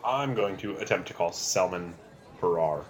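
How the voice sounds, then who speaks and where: Low-voiced man playing a tabletop game. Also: animated, moderate pace. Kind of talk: casual play and in-character talk.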